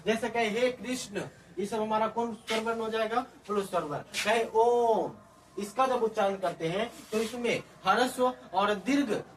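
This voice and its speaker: A man teaches a grammar lesson and drills each point by asking and then answering his own questions. He sounds a little far from the mic. There is a faint hiss of background noise. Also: high voice. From Bihar, India. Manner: repeats questions and answers in a drilling call-and-response way. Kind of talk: classroom-style grammar lesson.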